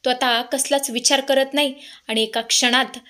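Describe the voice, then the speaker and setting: A woman with a high voice retells a dramatic story scene by scene. She tells it in a lively, vivid way and leans into its big moments. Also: moderate pace. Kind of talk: spoken story recap.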